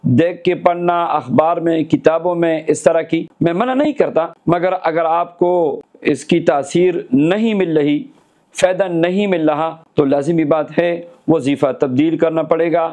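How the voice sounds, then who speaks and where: A man giving a religious lesson in speech, preaching in a measured way, lifting his voice on key phrases and then letting it fall low, and listing points in steady repetition. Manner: lists items in steady repetition. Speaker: Islamic cleric.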